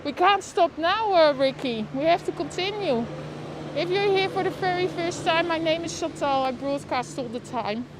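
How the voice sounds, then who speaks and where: A woman with a Dutch accent hosts a livestream walking tour on city streets, chatting casually with viewers by name and reacting aloud to what she passes. Her very high-pitched voice is animated at a moderate pace, captured on a lapel mic as she walks, with street noise behind.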